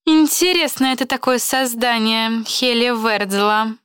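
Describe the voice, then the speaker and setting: A woman's voice: high-pitched, expressive, moderate pace, fairly bright tone, dry recording, clean studio sound, pitched above the performer's own voice. Woman doing a sly mocking young student. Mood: teasing.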